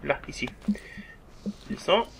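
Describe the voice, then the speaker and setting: A man's voice: slow pace, fairly bright tone, a little hiss or hum. A man with a swearing, joking manner, giving a let's play commentary and talking back to the game. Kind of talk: gameplay commentary.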